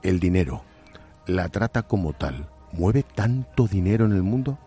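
Deep-voiced presenter man from Spain. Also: animated, measured pace, dark tone, slightly rough, faint music behind. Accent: Spain Spanish. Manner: earnest, emphatic, asks pointed questions. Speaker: radio presenter, interviewer. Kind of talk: scripted news narration and interview.

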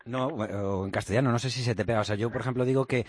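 A man's voice: mid-range voice, steady tone, quick pace, very noisy. A man co-hosting a radio show, asking rambling, chatty questions. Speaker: radio co-host. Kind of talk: casual radio chat.

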